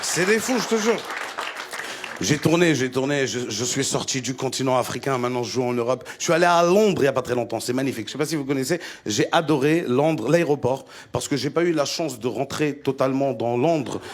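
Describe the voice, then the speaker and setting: A young man from Ivory Coast with an Ivorian French accent, doing animated stand-up storytelling that swings into shouting. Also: medium pitch, brisk, few pauses, some chatter behind. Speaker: stand-up comedian. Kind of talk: stand-up comedy. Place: stage before a live audience.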